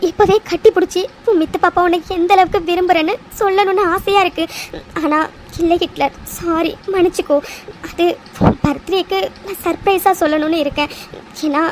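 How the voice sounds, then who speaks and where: A playful young bride-to-be in a cartoon, teasing and affectionate, full of little exclamations, voiced by a woman. Her voice sits very high, with a faint hiss of background noise underneath. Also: a little mellow. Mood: loving. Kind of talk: cartoon voice dub.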